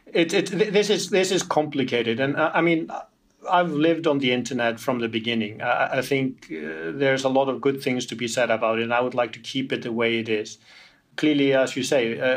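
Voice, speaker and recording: This guest, a tech company founder from Iceland, speaks in a mid-range voice at a moderate pace. Answering the interviewer, he frequently restarts and repeats words.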